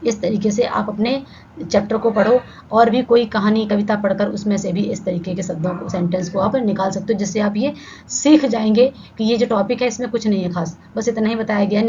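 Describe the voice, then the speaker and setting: A woman's voice: mid-range voice, darkish tone. Patient woman teaching Hindi grammar. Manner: explains step by step, often checks in with "ठीक है". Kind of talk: online Hindi grammar lesson. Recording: slightly dull lo-fi sound with faint background hiss.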